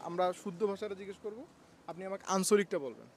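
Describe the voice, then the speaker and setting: A man from Rangpur with a Rangpur Bengali accent, running a quick, teasing casual street interview outdoors. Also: high-pitched, lively intonation, a little hiss or hum. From Rangpur, Bangladesh. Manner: quick, teasing, laughs often.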